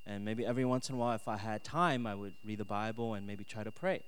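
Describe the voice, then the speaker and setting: His voice sits on the low side, clear and resonant, with fairly even intonation and a fast delivery. The man, who moved from South Korea to the US at ten, preaches to students through scripture and testimony, checking in with "right?" and "okay?". An echoey hall gives the sound long reverb.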